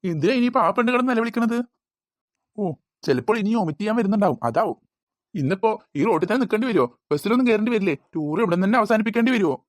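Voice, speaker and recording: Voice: medium pitch, lively intonation, racing, no echo, pitched below the performer's own voice, lightly acted. A voice artist voicing a grumbling, annoyed grown man in a cartoon, in a dry recording. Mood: worried grumble. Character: grumbling grown man, older brother type.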